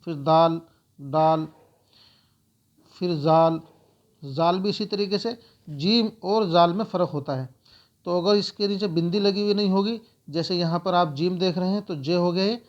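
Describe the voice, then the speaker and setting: A man gives a beginner's lesson on reading letters, saying each one, repeating it and explaining how it sounds. His voice sits a little high and his manner is steady and methodical. The recording is somewhat muffled and lo-fi. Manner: slow, repetitive letter-by-letter explaining. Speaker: teacher. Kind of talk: spoken lesson on the alphabet.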